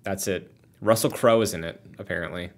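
Low-voiced man chatting wryly. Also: fairly quick, vocal fry. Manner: chatty and wry, often laughing. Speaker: podcast co-host. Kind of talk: casual chat.

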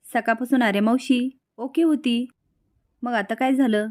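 A clever young boy presses the grown-ups with insistent questions, as a woman retelling a serial reads his lines. The pitch lifts slightly, but it stays close to her own voice. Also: steady tone, normal speed, a little mellow, lightly acted.

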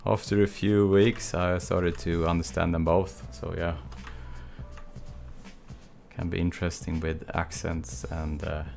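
Faint music plays behind a Swedish-accented texturing instructor from Sweden who chats casually on a live stream while working. His voice is low and gravelly at a measured pace, picked up by a desk mic with webcam, and he's relaxed, answering viewer chat between long silences.

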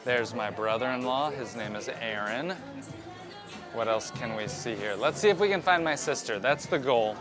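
Holding his camera at arm's length, a man in his thirties vlogs a cheerful, talkative tour through a cruise ship's interior and decks. He speaks at normal speed in a medium-pitched voice with lively intonation, and music plays underneath.

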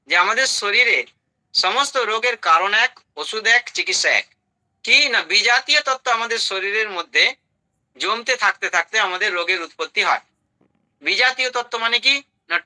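On a rough recording, a health speaker with a piercing, very bright, high-pitched male voice talks to an audience. His delivery is emphatic, with items rattled off in quick bursts and constant rhetorical questions.

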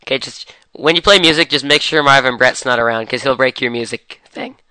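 A young man with a cold, chatting excitedly through a game session. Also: medium pitch, brisk, clear, resonant tone, dry recording. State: has a cold. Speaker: gamer. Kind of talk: casual game commentary.

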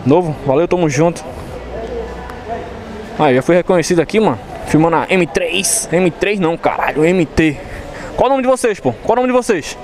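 Filming on a chest-mounted action camera in a showroom, a young man from Recife gets hyped about motorcycles in a slangy, casual vlog. He has a Pernambuco Brazilian Portuguese accent and a fairly high voice at normal speed, full of excitement.

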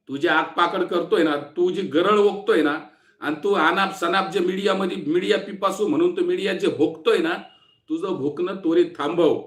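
A man's voice: sits high, moderate pace, reverberant. A man from Maharashtra with a sore throat, giving an angry, taunting political warning speech. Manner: fierce, taunting, threatening. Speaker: activist speaking to camera.

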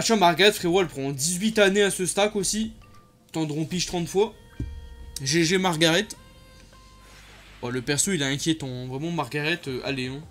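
A young man talks over his gameplay in loose, slang-heavy commentary, breaking into loud excited reactions. His voice sits high for a man. Faint game music plays underneath. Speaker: gaming YouTuber.

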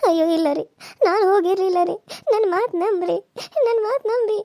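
A woman plays a young village wife in a cartoon serial, pleading and tearful, with a North Karnataka accent. The voice sits very high yet sounds soft and dark. The room is completely dry. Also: fairly quick, dry recording. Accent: North Karnataka Kannada. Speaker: voice actor.

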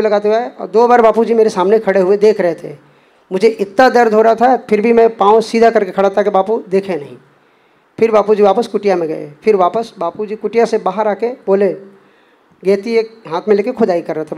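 High-voiced man telling a devotional story. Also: darkish tone. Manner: earnest retelling that acts out quoted dialogue. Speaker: devotee sharing a personal experience. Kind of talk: spoken testimony.

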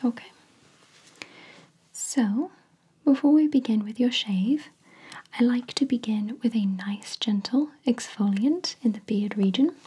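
A woman whispering as a spa therapist in an ASMR roleplay, soft, soothing and attentive as she walks a client through a treatment. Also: fairly high pitch, measured pace, long pauses, breathy edge.

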